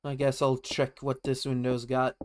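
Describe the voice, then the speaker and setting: A man's voice: mid-range voice, completely flat delivery, normal speed, a little hiss or hum. A man streaming a horror game, giving wry, playful casual commentary and reading bits of on-screen text aloud to himself.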